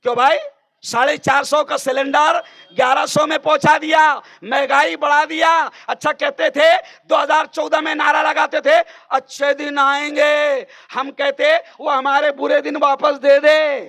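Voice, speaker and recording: A man delivering a fiery campaign speech at a political rally, shouting call-and-response lines to the crowd. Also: very high voice, little pitch movement, measured pace, vocal fry.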